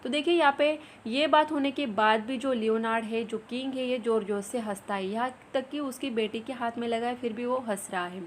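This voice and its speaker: A woman's voice: fairly high pitch, brisk, hardly any pauses, a little hiss or hum. Teacher woman explaining step by step. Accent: Indian English. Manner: explains step by step with questions to the class. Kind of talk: explaining an English lesson in Hindi.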